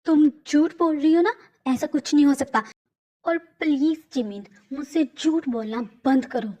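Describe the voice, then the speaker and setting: A frantic young wife in raw denial, as a woman acts her out, her high voice cracking into sobs and stammers. She pleads and insists over and over, swinging from shaky whispers to loud cries. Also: lively intonation, moderate pace. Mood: insistent denial.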